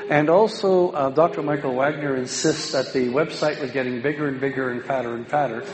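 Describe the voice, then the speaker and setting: A Canadian man telling anecdotes at a home education meeting in a folksy, self-deprecating way, with many pauses and ums. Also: mid-range voice. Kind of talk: informal public talk with anecdotes. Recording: roomy hall with faint background noise.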